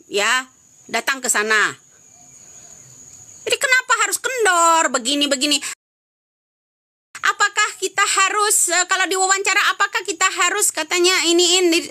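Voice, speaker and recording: Scolding high-voiced woman on a live stream. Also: sharp tone. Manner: scolding, repetitive, rhetorical questions. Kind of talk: angry live-stream commentary.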